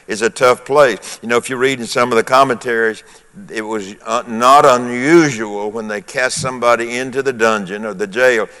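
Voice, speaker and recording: A man's voice: mid-range voice, a bit bright, clear, resonant tone. Preaching man in a reverberant church hall. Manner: emphatic preaching with call-and-response. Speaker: pastor. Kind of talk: sermon to a congregation.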